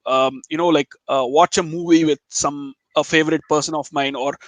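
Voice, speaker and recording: Higher-pitched Telugu Indian man, chatting informally. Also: steady tone, moderate pace, fairly bright tone, no echo, rough recording. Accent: Telugu Indian, from Chennai. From Chennai, India. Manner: informal, digressive, jokey. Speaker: guest speaker, web developer. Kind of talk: casual webinar chat.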